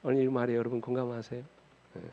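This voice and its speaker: A male pastor preaching a sermon in a church, putting rhetorical questions to the congregation and swinging between hushed and raised delivery. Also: medium pitch, completely flat delivery, fast talker. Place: church sanctuary. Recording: dull lo-fi church recording.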